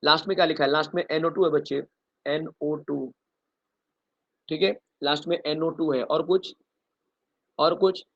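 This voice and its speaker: A male chemistry teacher gives a lively online revision lecture and keeps addressing his students directly. He throws out questions, answers them himself, and writes on a board as he goes. His voice sits fairly high, and the recording sounds dull and lo-fi. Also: unhurried, creaky, long pauses. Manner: calls students "bachche" and "bhai", explains with a story mnemonic; writes on a board while talking.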